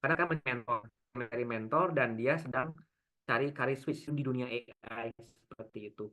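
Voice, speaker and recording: A man's voice: medium pitch, moderate pace, sharp tone. A man, a career mentor, giving a casual webinar talk over a video call, his voice breaking up and cutting out through a bad connection. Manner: friendly, addresses listeners as "teman-teman", with many fillers. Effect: voice breaking up, cutting out and glitching over a bad online connection. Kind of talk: casual presentation to an online audience.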